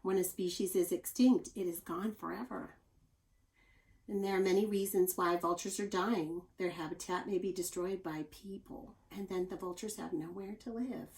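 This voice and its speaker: The audio is poor as a woman with a lowish voice reads a children's nonfiction book at a moderate pace. She explains things expressively like a teacher and chats to young listeners in asides.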